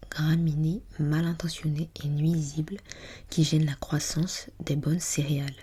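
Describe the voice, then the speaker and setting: A woman whispering breathily as in a library, reading aloud for ASMR in a hushed, unhurried, musing way. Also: low voice, breathy edge. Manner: hushed, unhurried, murmuring to self while reading. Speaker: ASMR host.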